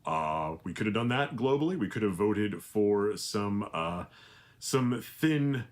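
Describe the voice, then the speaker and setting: A man's voice: on the low side, expressive, slow. A man, a voice actor, sending a recorded video message to fans with playful, wry asides.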